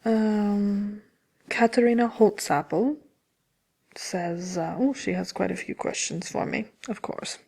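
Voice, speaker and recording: A woman as the slow, creaky Wicked Witch of the West. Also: medium pitch, mellow, voice pushed up, heavily acted. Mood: vain, self-satisfied. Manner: haughty, unhurried, halting, partly whispered delivery. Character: vain, sinister, cynical Wicked Witch of the West. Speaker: host answering listener questions. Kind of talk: ASMR character roleplay chat.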